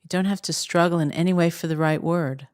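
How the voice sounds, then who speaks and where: A woman teacher with a low voice guides a meditation, speaking calmly and slowly with long pauses between phrases. The recording is close and dry, with almost no room sound and no echo.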